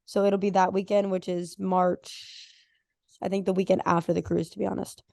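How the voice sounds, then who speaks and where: Hoarse young woman chatting, low energy. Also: level tone, moderate pace, a little mellow, dry recording, clean studio sound. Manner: rambling, lots of "like" fillers. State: hoarse, losing her voice. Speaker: podcast co-host. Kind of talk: casual chat.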